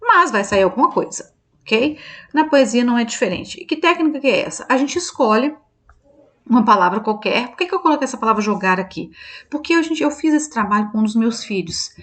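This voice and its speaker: A woman's voice: on the high side, expressive, a little fast, a bit bright. A woman teacher with a Brazilian Portuguese accent, going over quiz answers in an online lesson and often checking in with her students. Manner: chatty, checks in with listeners often; self-correcting, thinks aloud.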